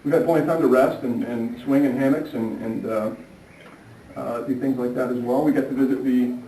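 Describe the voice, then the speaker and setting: A man's voice: medium pitch, fairly even intonation, fairly quick, dark tone. A man hosting a casual travel vlog, talking hesitantly with many fillers and restarts. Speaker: vlog host. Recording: echoey room, distant mic, faint noise.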